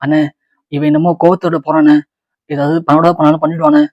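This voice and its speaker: A man's voice: on the high side, level tone, fairly quick, no echo, dull audio, close to an everyday voice. A man voicing a domineering elder brother who scolds and gives orders. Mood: scolding. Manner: scolding, commanding.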